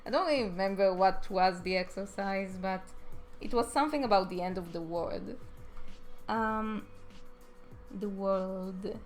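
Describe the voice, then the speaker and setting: A woman's voice: medium pitch, brisk. A young adult woman in a casual, chatty, self-deprecating voice-over, pronouncing her R's as W's. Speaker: animator narrating a speed draw video. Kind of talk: casual rambling voice-over commentary. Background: music behind the voice.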